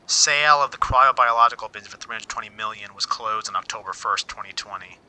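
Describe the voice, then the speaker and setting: A man's voice: medium pitch, bright, forceful tone, rough recording. A man streaming casually, thinking aloud as he reads out figures and muses on them wryly, often repeating words mid-sentence. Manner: wry, self-interrupting, repeats words as he reads. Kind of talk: casual livestream commentary.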